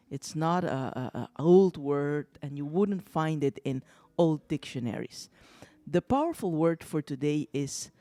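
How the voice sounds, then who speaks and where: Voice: mid-range voice, warm tone, no room sound. A co-host of a wellness talk show, speaking in a reflective way and often repeating phrases. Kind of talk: casual talk show chat.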